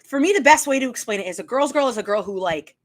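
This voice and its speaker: A woman's voice: a little high, expressive, fast. A woman hosting a casual interview chat, talking emphatically and explaining things at length in a conversational way. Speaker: podcast host, interviewer.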